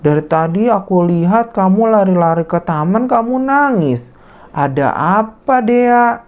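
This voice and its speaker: A woman doing a gentle, comforting girl friend. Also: medium pitch, animated, a little slow, voice pushed up, lightly acted. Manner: gentle, soothing. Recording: slightly muffled lo-fi audio.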